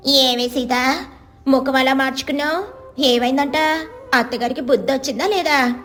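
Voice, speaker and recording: A woman's voice: high voice, moderate pace, fairly bright tone, faint music behind. A woman voicing a bossy, sly village neighbor woman giving scheming advice.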